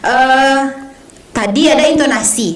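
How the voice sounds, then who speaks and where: A woman teacher explains recitation technique in a high voice, pausing on fillers and checking with her colleague. The room is echoey. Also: a little hiss or hum. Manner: hesitant, many fillers, checks with co-host.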